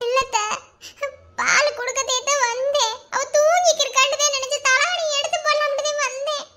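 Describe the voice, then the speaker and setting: A woman's voice: very high voice, fairly even intonation, normal speed, bright, forceful tone. A woman playing a frightened young mother who pleads tearfully with her mother-in-law in a family skit. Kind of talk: amateur village drama acting.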